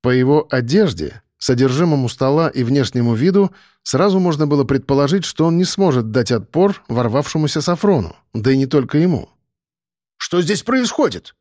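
A lively male audiobook narrator. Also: medium pitch, brisk, few pauses, dry recording, studio quality. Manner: expressive, theatrical reading. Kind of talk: audiobook reading.

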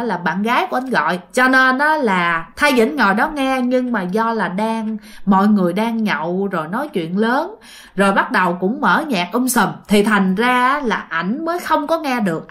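A woman's voice: on the high side, fairly bright tone. A woman casually retelling a listener's ghost story, chatting directly to her audience.

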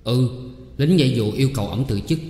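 A man voicing a steady, respected young village man, urgent but reassuring. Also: medium pitch, fairly quick, natural voice. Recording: echoey reverberant room.

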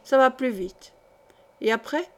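A woman's voice: high voice, measured pace. A woman reading as a jovial old colonel. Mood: teasing. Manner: bantering, mocking. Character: jovial teasing older male colonel.

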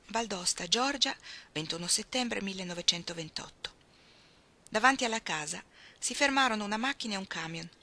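A woman reads a novel aloud, measured and expressive. Her voice is bright and clear, at a middle pitch. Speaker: audiobook reader.

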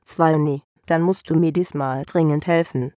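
A man's voice: a little high, steady tone, moderate pace, dark tone, no room sound, lo-fi sound, natural voice. A man voicing a woman who urgently coaxes a friend into helping with a scheme. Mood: coaxing. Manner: urgent, coaxing. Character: pleading woman plotting a scheme.

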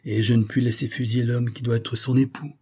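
A man reading the lines of an old general, an anxious and gruff father, with emphatic exclamations. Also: medium pitch, level tone, brisk, warm tone, pitched above the performer's own voice, natural voice. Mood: urgent.

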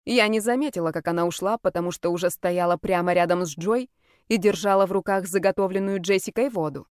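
A woman reading a first-person audiobook with an even, expressive delivery. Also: lowish voice, fast talker, clear, resonant tone, dry recording, studio quality. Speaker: audiobook narrator.

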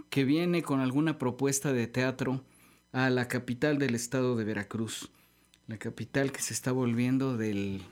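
A Mexican man hosting a relaxed radio chat from a studio, talking in a rambling way with many fillers and restarts. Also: mid-range voice. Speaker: radio host. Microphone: studio microphone.

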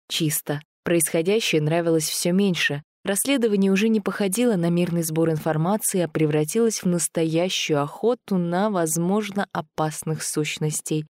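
Low-voiced woman reading an audiobook. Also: normal speed, few pauses, darkish tone, dry recording, studio quality. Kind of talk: audiobook narration.

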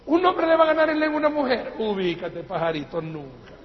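A male pastor with a Latin American Spanish accent, preaching emphatically, swinging from loud outbursts to quiet asides and calling his listeners brothers. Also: extremely high pitch, sing-song, a little fast. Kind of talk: sermon. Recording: echoey hall, dull lo-fi sound, faint noise.

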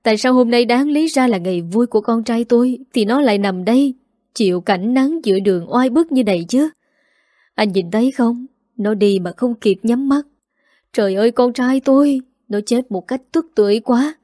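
A broken older father cries out over his lost son in a raised, anguished lament, as a woman narrator puts him on. The voice is dark and mellow. It sits in a dry storybook recording. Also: fairly high pitch, moderate pace, no room sound, natural voice.

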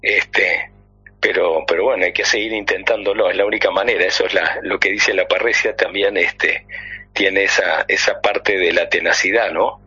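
Man, radio guest, very deep voice, raspy, agreeable. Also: steady tone, pushed and bright, muffled recording. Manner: agreeable, many quick affirmations. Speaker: guest on the phone. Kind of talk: casual conversation.

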